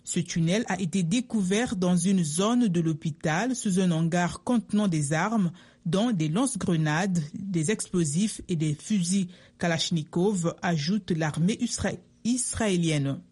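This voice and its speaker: A woman reads a radio news bulletin. Her voice is somewhat low and soft-edged, with a distinctly husky grain. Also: a little slow.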